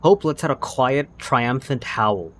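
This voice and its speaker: A man's voice: medium pitch, a little slow, a little hiss or hum. A man co-hosting a casual game playthrough, narrating scenes and teasing with hesitant phrasing. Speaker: co-host guiding and narrating a game.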